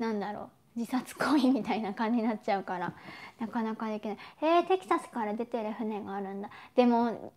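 A woman from Japan hosts a relaxed solo chat, her voice pitched a little high. She talks loosely, filling pauses and laughing easily as she answers listeners. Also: lo-fi sound. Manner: chatty, frequent fillers and laughs. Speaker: host. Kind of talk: casual solo chat reading listener messages.

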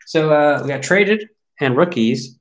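A man's voice: a little high, expressive, a little slow, noisy background. A man in his forties hosting a card break, opening packs and chatting wryly as he grumbles jokingly about what he pulls. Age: 40s. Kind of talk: casual card-opening commentary.

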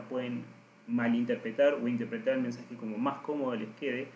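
Emphatic coach in a roomy echo. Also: male voice, medium pitch, a little mellow, slight background noise. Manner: deliberate, emphatic, addresses listeners directly. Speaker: coach teaching trainers. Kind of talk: recorded lesson.

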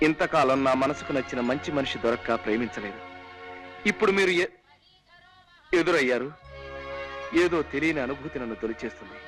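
High fast voice, bright tone, lovestruck young schemer, lively comedy film, music behind. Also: male voice, heavily acted. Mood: earnest. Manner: theatrical, rapid comic patter. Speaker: comic young lover in a film. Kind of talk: Telugu comedy film acting.

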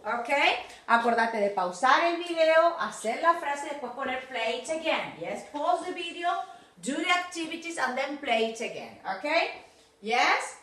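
A woman teacher with a Rioplatense Spanish accent leads a video lesson for small children at a very slow, drawn-out pace. Her voice is high, bright and lively in pitch. It is recorded in an echoey room from some distance. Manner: slow, drawn-out drilling with frequent "yes, ok". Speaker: English teacher.

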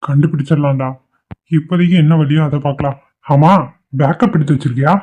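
A man voicing a supportive young colleague in a cartoon who calms his friend down. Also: a little high, a little fast, lightly acted. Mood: reassuring. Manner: calming, supportive. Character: reassuring young office colleague. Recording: dull lo-fi cartoon audio.

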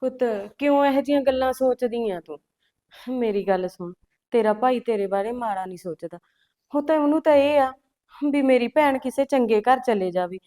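A woman playing a calm, soothing village mother. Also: on the high side, moderate pace, natural voice. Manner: calm, coaxing, keeps calling her children "son".

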